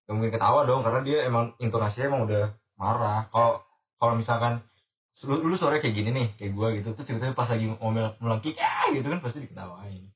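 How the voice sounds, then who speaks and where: A man's voice: medium pitch, fast talker. A young man teasing his friends in slangy casual chat. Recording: dull lo-fi recording.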